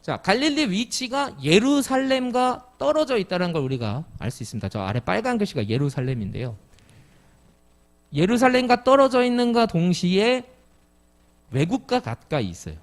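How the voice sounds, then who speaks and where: A middle-aged pastor from Jeju preaches at a midweek service in a fairly high voice. His pitch rises and falls in a lively way as he explains each point patiently and puts questions to his listeners. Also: moderate pace. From Jeju, Korea. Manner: explains step by step and asks the congregation questions. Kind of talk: expository sermon at a midweek service.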